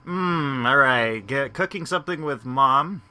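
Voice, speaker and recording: A man's voice: medium pitch, lively intonation, a little slow, sharp tone, clear, resonant tone. A man hosting a gameplay video with casual commentary.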